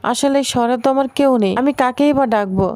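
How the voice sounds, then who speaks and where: A woman's voice: high-pitched, fast, darkish tone, no room sound, close to an everyday voice. A woman voicing an injured young woman new to the city, explaining and pleading, in a retold serial story.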